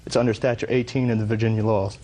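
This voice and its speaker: A man's voice: fairly low pitch, flat delivery, quick pace, dark tone, a little hiss or hum, poor audio. Defensive young man answering in court. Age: young adult. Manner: hedging, defensive. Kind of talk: courtroom testimony under questioning.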